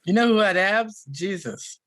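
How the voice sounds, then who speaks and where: Male podcast talker, fairly high and bright, dry sound, opinionated and argumentative in comic banter. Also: lively intonation, unhurried, no echo.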